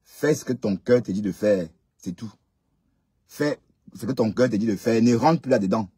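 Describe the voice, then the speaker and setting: Husky-voiced man hosting a live stream. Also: on the low side, moderate pace, dark tone, dry recording, studio quality. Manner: chatty, scolding, addresses commenters directly. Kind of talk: casual live stream talk.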